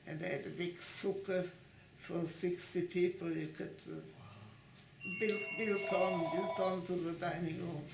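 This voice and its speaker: An elderly woman in her nineties with a gravelly, creaky voice, speaking haltingly in an oral history interview. She stumbles through many repeated restarts while she hunts for words. The recording has a roomy echo from her home. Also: fairly low pitch, fairly even intonation, very noisy. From born in Italy, raised in Italy and Switzerland. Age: 90s.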